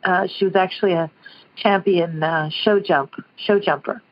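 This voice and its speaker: A woman's voice: fairly low pitch, fairly even intonation, normal speed. Woman calling into a radio show, dull phone sound, hesitant, keeps searching for words. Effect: phone-line caller voice on radio. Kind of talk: call-in conversation.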